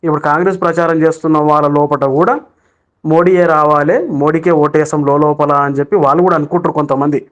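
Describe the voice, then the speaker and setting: A man's voice: a little high, a little fast. A man with a Telangana Telugu accent recording a voice message for a chat group, speaking in an urgent, preachy way with frequent restarts. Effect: recorded voice message sent to a chat group. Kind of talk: persuasive political voice message. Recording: lo-fi phone voice note.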